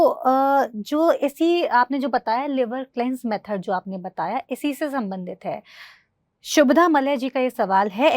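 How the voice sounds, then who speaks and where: A woman's voice: high voice, dry recording. A woman, courteously reading out viewer questions as the host. Her voice sounds dry and close, with no room around it. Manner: courteous, formal. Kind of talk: polite talk-show hosting.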